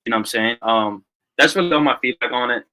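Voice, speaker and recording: A man's voice: mid-range voice, fast, bright, forceful tone, rough recording. A man giving loose, chatty feedback on a song during an online review stream. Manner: loose and chatty, leans on "you know what I'm saying". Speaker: music reviewer. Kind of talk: casual review chat on a live stream. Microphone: online call.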